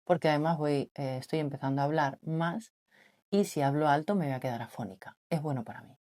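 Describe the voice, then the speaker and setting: A woman with a slightly husky, mature voice, talking softly and reflectively to camera and asking the listener rhetorical questions. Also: brisk. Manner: speaks softly and lowered on purpose, asks the listener rhetorical questions. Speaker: vlogger on relationships. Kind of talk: reflective personal talk to camera.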